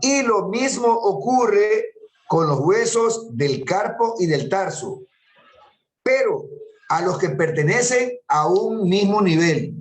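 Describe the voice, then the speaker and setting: A man's voice: high voice, expressive, slow pace, echoey room, poor audio. A man teaching an anatomy class, patiently repeating terms and quizzing his students. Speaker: anatomy lecturer. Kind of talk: classroom lecture.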